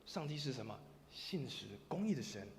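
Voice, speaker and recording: Animated male pastor in an echoing church. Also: mid-range voice, normal speed. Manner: animated storytelling, swings from hushed to loud. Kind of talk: sermon. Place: church sanctuary. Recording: reverberant church hall, faint noise.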